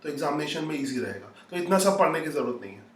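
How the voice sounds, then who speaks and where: A man's voice: fairly high pitch, sing-song, very fast, slight background noise. A man with an Indian accent teaching a live online maths lesson, mixing Hindi phrases into English, repeating himself and often checking understanding. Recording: echoey room, distant microphone.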